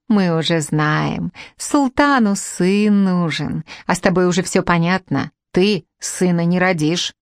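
A woman's voice: fairly low pitch, no room sound, lightly acted. A woman reading the part of a spiteful young second wife in an audiobook, taunting and cutting, in a dry recording.

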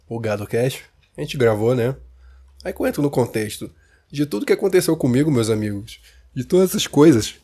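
A man's voice: mid-range voice, mellow. A man with a Brazilian Portuguese accent venting in a casual monologue, firing off rhetorical questions with slang and swearing. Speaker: vlogger.

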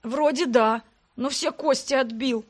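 A woman's voice: high voice, measured pace. A woman doing a cocky teasing young brother. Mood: bantering. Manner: mocking, grumbling banter.

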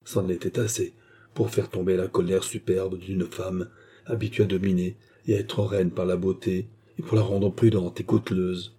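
A male audiobook narrator with a very dark, mellow and husky voice pitched somewhat low. He reads at a steady literary pace and moves into a different voice for each character. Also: moderate pace. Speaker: audiobook reader. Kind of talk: scripted narration.

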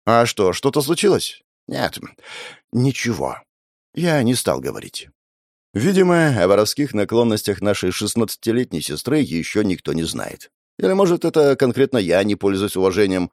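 A man's voice: on the low side, very animated, brisk, a little mellow, no room sound. A man narrating an audiobook in the first person, with a wry, sardonic inner monologue on a close mic.

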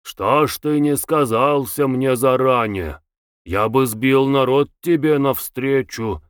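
A man voicing a gloomy village deacon who recites his verse in a measured way. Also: medium pitch, clear, resonant tone, no echo, studio quality, natural voice. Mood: recitative.

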